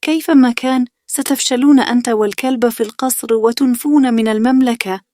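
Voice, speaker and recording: A woman's voice: on the high side, steady tone, fairly quick, darkish tone, no echo, studio quality, voice pushed up, natural voice. A woman reading the part of a mocking older brother, a young man, in a bedtime story. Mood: scornful. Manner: sneering, scornful.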